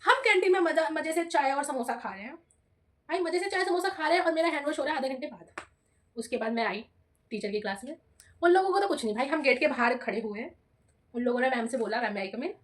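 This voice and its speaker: Fast, high-voiced young woman vlogger. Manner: chatty, animated, addresses viewers as "bhai". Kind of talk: casual storytelling vlog.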